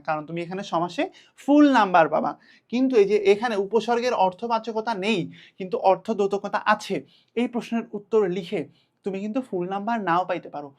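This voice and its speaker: A young woman with a Bangladeshi Bengali accent teaching an exam-prep lesson, talking to students in a direct, urgent way. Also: medium pitch.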